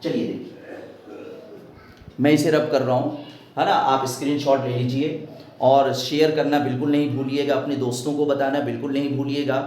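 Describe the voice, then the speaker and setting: A man's voice: mid-range voice, little pitch movement, a little mellow, a little hiss or hum. Echoey male grammar teacher, repeating. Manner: asks questions and answers them himself; slow and repetitive, tag question "hai na". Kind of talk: Urdu grammar lesson. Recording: echoey room.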